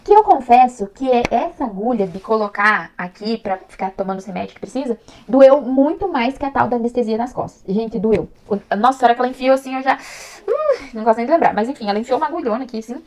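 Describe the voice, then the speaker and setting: A woman's voice: on the high side, lively intonation, fast, a little mellow, rough recording. A young Brazilian woman telling her birth story to the camera in a chatty, emotional way, acting out what others said. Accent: Brazilian Portuguese. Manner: chatty, emotional, acts out dialogue.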